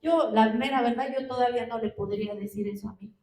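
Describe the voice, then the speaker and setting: High-voiced woman preaching in an echoey hall. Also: fast, a little mellow. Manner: asks the congregation rhetorical questions. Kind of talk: sermon. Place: church hall. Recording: roomy hall, distant mic.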